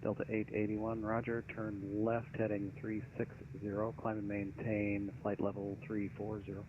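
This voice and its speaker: A man's voice: on the low side, monotone, moderate pace. A man working as an air traffic controller, giving procedural instructions over aviation radio. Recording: dull, noisy aviation radio.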